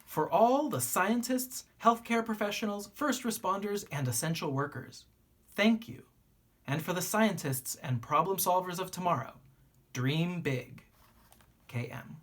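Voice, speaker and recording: Reading a children's book aloud in a teacherly way, a woman with a lowish voice uses deliberate phrasing and expressive pauses.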